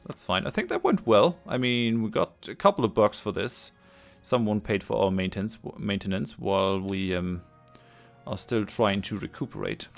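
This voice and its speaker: A man narrates his strategy gameplay as a let's play host, speaking in a fairly low, creaky voice that is expressive and moderately paced. Faint music plays behind him while he thinks aloud hesitantly, restarting often and using many fillers, his voice worn.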